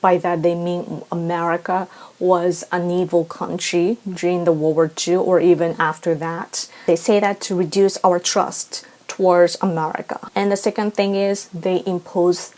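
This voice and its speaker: A woman from Japan with a Japanese accent, hosting a vlog and keeping her voice quiet and toned down as if late at night. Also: fairly low pitch, flat delivery, normal speed. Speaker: vlog host. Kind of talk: talking to camera, opinion commentary.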